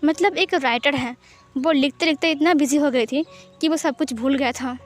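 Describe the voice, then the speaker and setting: High-voiced woman retelling a story. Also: moderate pace, soft background music. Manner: plain, steady retelling with English words mixed in. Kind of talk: retelling a fan story aloud.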